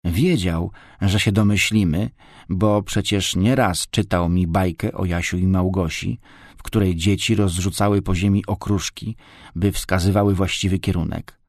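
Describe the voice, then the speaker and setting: A man's voice: deep voice, steady tone, a little mellow, no room sound, clean studio sound. A man reading a storybook, voicing a bold, bossy young girl who gives orders. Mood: cheerful. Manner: brisk and commanding.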